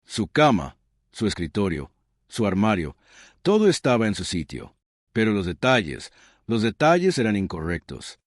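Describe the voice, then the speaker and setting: A man's voice: on the low side, huge pitch swings, moderate pace, no echo, studio quality. A man reading a scripted horror story in a dramatic, suspenseful storytelling manner. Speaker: narrator.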